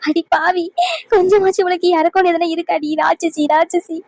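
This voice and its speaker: A bitter mother-in-law wails and curses through tears, her voice very high and thin, as a woman acts her out. She laments in a rising sing-song, and the sound is dry and close. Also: fairly even intonation, a little fast, a little mellow, dry recording. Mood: wailing. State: crying. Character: wailing grieving mother-in-law, bitter and cursing.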